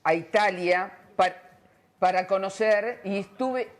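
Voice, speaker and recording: A woman's voice: medium pitch, takes it slowly. A woman co-hosting a news interview, asking long, chatty, rambling questions with many hesitations. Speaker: co-host.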